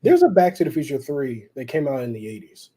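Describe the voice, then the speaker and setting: A man co-hosting a casual live stream, relaxed and rambling, often restarting his sentences. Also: medium pitch, a little fast. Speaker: co-host.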